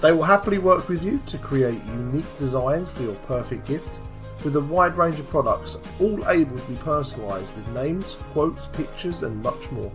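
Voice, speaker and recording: A man's voice: on the high side, expressive, normal speed. A man reading a scripted sponsor announcement for a podcast. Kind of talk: scripted ad read. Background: music behind the voice.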